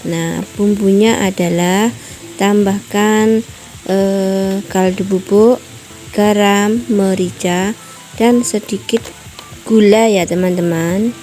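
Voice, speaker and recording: Slow-talking woman cooking. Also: medium pitch, steady tone. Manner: chatty, addresses viewers as friends often; apologetic, explanatory asides. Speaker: home cooking channel host. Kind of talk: casual cooking tutorial. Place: home kitchen. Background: distant loud music from a rehearsal.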